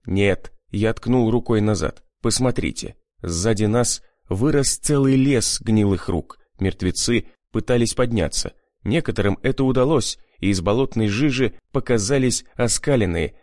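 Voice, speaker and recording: A man's voice: lowish voice, expressive, normal speed, few pauses, darkish tone, dry recording, clean studio sound. A man reading an adventure novel aloud in first person, with dramatic, tense storytelling. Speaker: audiobook narrator. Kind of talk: scripted first-person narration.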